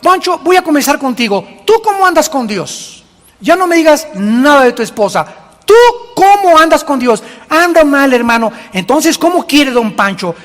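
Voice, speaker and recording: A male pastor preaching a sermon in an animated way, acting out the church members he quotes. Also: very high voice. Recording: long hall reverb.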